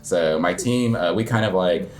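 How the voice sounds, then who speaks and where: Speaking at a moderate pace in a low voice, a man who seems to be in his thirties rambles through a casual interview about coffee, leaning heavily on filler words. He's a native English speaker from the United States who owns a cafe and competes in coffee events, and he stays relaxed, often laughing at himself.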